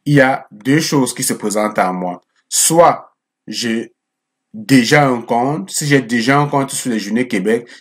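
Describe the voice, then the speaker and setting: A man's voice: medium pitch, slightly rough. A man walking viewers through a job application site in a chatty screen-share tutorial, often repeating himself and checking in with them. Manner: chatty, repeats words, calls viewers friends; checks in with frequent "ok?". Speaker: immigration advice YouTuber.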